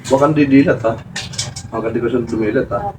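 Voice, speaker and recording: A man working as a folk healer, calming a nervous patient with short, coaxing questions while he also addresses his viewers. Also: medium pitch, fairly quick. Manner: soothing, coaxing, keeps asking short questions. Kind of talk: treating a patient on camera while talking to viewers. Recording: loud vehicle noise behind.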